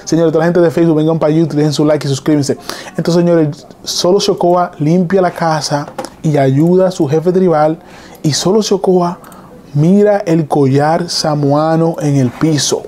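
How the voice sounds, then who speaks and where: A man hosting a live stream, excitedly retelling wrestling events and reading chat messages. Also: on the high side, moderate pace. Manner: excited, repetitive play-by-play retelling.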